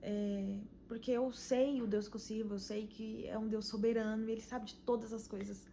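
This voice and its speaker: A young Brazilian woman sharing an earnest, emotional faith testimony, full of pauses and "you know?" tags. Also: on the high side, level tone, dark tone, slight background noise. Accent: Brazilian Portuguese. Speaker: channel host giving a faith testimony. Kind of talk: personal testimony vlog.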